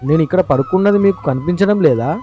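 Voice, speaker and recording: A man voicing a poor, bold young farmer in a storybook cartoon, answering with quick wit. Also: a little high, highs cut off, soft background music, close to an everyday voice. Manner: bold, quick-witted replies.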